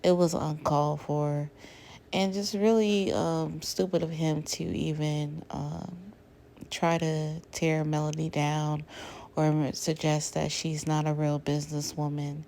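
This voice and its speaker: Her voice sits low and comes out flat, creaky, and mellow at a slightly slow pace. She's a reality TV commentator doing a chatty recap, full of fillers and her own impressions of what the cast said.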